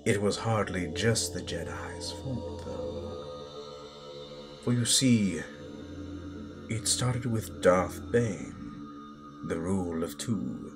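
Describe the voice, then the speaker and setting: In a dramatic audio roleplay, a man voices a stern, menacing Sith master instructing his apprentice, speaking low and very slowly. His delivery is animated, deliberate and grandiose, with weighted pauses and a grave, instructive mood. Loud music plays clearly underneath.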